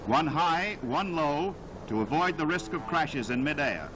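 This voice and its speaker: This 1940s newsreel narration comes from a man whose voice is a little high, with lively intonation and background noise. Set to a vintage soundtrack, it is dramatic and declamatory, its phrasing emphatic and measured.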